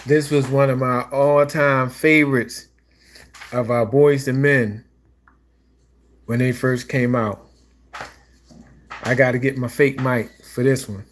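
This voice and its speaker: A man's voice: mid-range voice, steady tone, takes it slowly, pauses often, slight background noise. A man with a stuffy nose chatting loosely about songs and relationships, with many restarts and fillers. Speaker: music reaction vlogger. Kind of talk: casual reaction chat.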